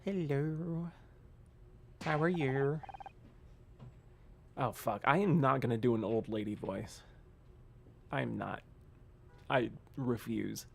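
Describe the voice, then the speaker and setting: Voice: medium pitch, measured pace, creaky, pauses often, a little hiss or hum. A gamer reading a story game aloud with dramatic narration and casual, grumbling, sweary asides.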